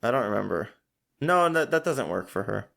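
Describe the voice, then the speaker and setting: A man's voice: fairly low pitch, big pitch swings, fairly quick, creaky, a bit bright. A man acting as game master in a tabletop game, laid-back and self-mocking.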